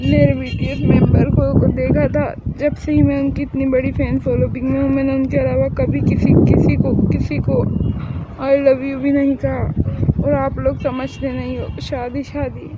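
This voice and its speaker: Girl playing a whiny stubborn young fangirl, flat-ish voice, kinda high. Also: dull audio, heavy background noise, lightly acted. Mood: distraught. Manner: pleading, complaining.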